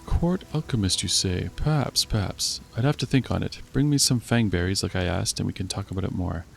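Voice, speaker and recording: A man voicing a squinting, wary old male alchemist in a fantasy video game, speaking slowly in a raised, wondering voice. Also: creaky, a little hiss or hum. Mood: musing. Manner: slow, wondering, raised pitch.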